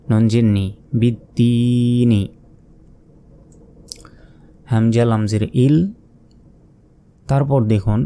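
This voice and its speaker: A man with a mellow, dark-toned voice teaches reading letter by letter. He asks a question, answers it himself, and stretches each recited syllable out slowly. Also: mid-range voice. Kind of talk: step-by-step spelling lesson.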